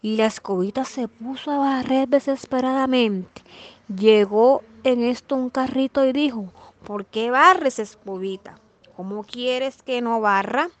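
A woman's voice: on the high side, measured pace. Woman reading a fairy tale aloud. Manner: expressive, rhythmic repetition of the chain lines. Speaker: storyteller.

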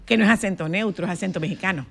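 A woman's voice: mid-range voice, rapid-fire, gravelly, fairly bright tone. Chatty female radio host. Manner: chatty, prompting questions. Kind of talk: radio interview.

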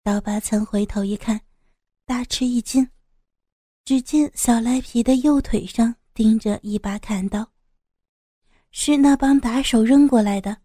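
A woman narrating a gritty action story in a steady, vivid, suspenseful reading style. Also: a little high, measured pace, dry recording, clean studio sound. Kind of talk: dramatic audiobook narration.

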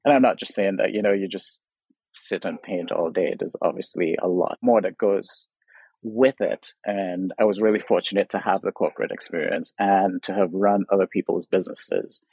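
A man's voice: low voice, steady tone, moderate pace, darkish tone, husky, no room sound, rough recording. A man in his fifties, speaking as a guest in an interview and reflecting earnestly, with frequent "sort of" and "you know". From Trinidad. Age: 50s. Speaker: guest artist.

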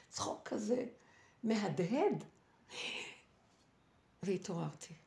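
A woman's voice: medium pitch, lively intonation, gravelly, warm tone. A middle-aged woman giving an impassioned religious talk mixed with personal testimony, dramatic and exhorting, with fillers and restarts. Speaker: religious speaker and former seminary head.

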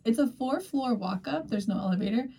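A woman's voice: fairly high pitch, lively intonation, brisk, mellow, husky, recorded from a distance. A young woman hosting a casual podcast chat, talking loosely and laughing often as she acts out what others said. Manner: chatty, laughs often, acts out quoted dialogue. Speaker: podcast host.

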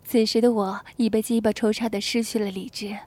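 Soft-spoken woman narrating a story. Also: a little high, little pitch movement, a little fast. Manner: soft, hushed first-person narration. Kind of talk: erotic audio story reading.

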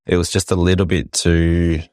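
A man chatting casually on a podcast, reflective, with a husky, sick voice that is giving out. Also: deep voice, level tone, normal speed, a little mellow, no room sound, clean studio sound. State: sick, voice giving out after losing it. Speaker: podcast host. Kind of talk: casual chat.

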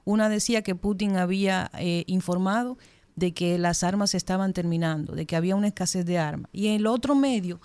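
Female panelist, mellow medium-pitched voice, earnest and articulate, closely recorded dry sound. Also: brisk, no room sound. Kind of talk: panel discussion, earnest opinion.

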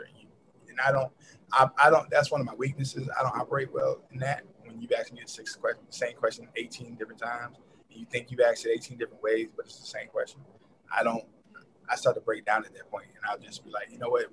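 Man defense lawyer guest, animated and repetitive, faint room hum behind. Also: medium pitch, poor audio. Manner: animated, repeats words while explaining. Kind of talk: casual podcast chat.

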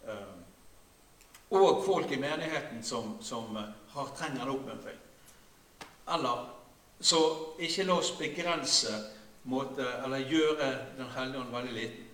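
Pastor in his 60s, chatty halting sermon, bright voice, kinda far off in an echoey room. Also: slight background noise. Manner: conversational preaching with many hesitations, often dropping to a quiet low voice.

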